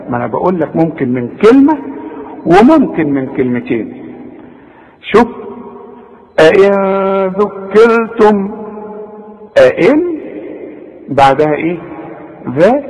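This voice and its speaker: Brief: Egyptian male recitation teacher, high and bright, who chats his way through the rules and then slowly chants examples, with a long hall echo. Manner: explains conversationally, then recites examples slowly with drawn-out nasal sounds. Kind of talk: tajweed lesson.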